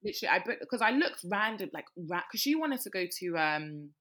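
A woman's voice: lowish voice, very animated, a little fast, pushed and bright. A British woman hosting a casual podcast, chatting in a slangy, emphatic way. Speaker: podcast host. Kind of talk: casual chat.

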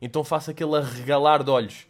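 A young man with a European Portuguese accent, chatting casually as host answering listener questions, animated and swearing, dropping in English slang. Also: on the high side, rapid-fire. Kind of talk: casual chat.

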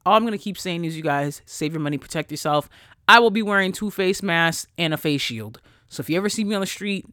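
A high-voiced podcast host from a Haitian family talks into a close mic in a dry, deadened space with no echo on his casual solo show. He rants in an animated, profane way, swinging between loud bursts and quiet asides.

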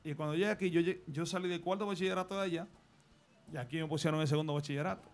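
His voice is a little high and steady in tone, and he speaks very fast while telling his life story on the radio. He's from the Dominican Republic, has a Dominican accent, and earnestly offers advice as a studio guest.

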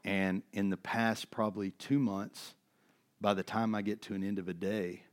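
Preaching with earnest, conversational warmth, a middle-aged pastor speaks at a normal speed in a fairly low, flat voice that sounds worn from overuse. His sermon is full of fillers and restarts.

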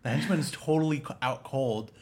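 A man's voice: medium pitch, a little fast. A man co-hosting a casual movie-review chat, talking sarcastically and trailing off into mumbled asides. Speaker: podcast co-host.

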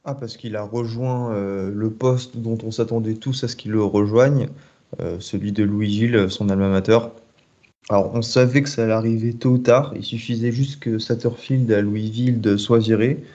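A man co-hosts a casual podcast in a low, warm voice, explaining things at a steady clip. The recording sounds slightly dull. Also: moderate pace. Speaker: podcast co-host.

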